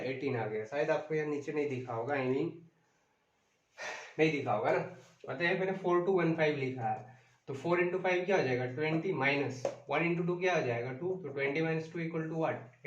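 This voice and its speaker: A man's voice: on the high side, echoey room, muffled recording, a little hiss or hum. A man teaching a math lesson, calling out sums, asking the class questions and mixing English into Hindi.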